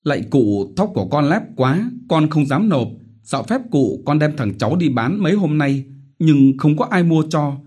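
Desperate poor widow, wailing, pleading, raised pitch, husky, played by a man, audiobook. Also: sing-song, moderate pace, warm tone.

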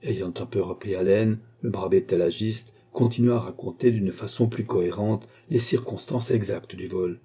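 A male reader narrates a novel aloud at a measured pace. His voice is low and very dark, with a husky edge.

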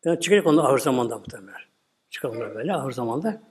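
A man's voice: expressive, racing. A man giving a sermon as a religious teacher, retelling a story dramatically with acted dialogue, in loose spoken phrasing that repeats itself. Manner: dramatic retelling with acted dialogue and big swings of pitch and loudness.

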